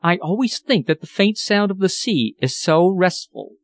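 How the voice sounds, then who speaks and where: A man lifting his voice into a grieving, well-bred lady in an audiobook, earnest and genteel, her voice raised and swinging widely in pitch. She sounds close and dry, with no room around her. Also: expressive, moderate pace, dry recording. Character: anxious refined English lady, grieving. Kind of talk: audiobook character voice.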